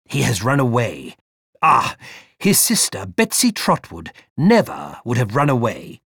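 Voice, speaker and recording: Brisk bossy elderly aunt, voiced by a man reading a novel, curt and emphatic, dry close sound. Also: mid-range voice, wildly swooping pitch, a bit bright, husky, no echo, heavily acted.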